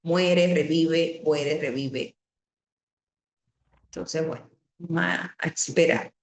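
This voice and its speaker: A woman's voice: deep voice, takes it slowly. A woman teaching an online class over a video call. She explains things conversationally, repeats key words and often adds asides. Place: home or office on a video call. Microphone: computer mic on a video call. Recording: roomy video call audio.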